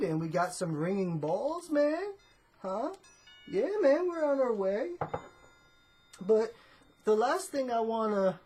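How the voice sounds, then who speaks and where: Breathy, drawling laid-back woman. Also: fairly high pitch, a little mellow. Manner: drawling stoner-dude talk, ends phrases with "man"; rambling, full of "you know" and "uh". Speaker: vlogger. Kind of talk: laid-back comedic vlog monologue.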